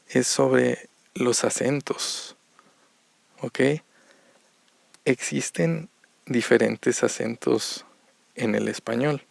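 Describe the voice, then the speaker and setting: A Mexican man with a very gravelly, creaky voice teaches Spanish on a podcast. He takes it slowly and repeats each point with example after example. The recording is dry and close. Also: mid-range voice, no echo. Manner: slow, repetitive explanations with examples. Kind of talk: podcast lesson for learners.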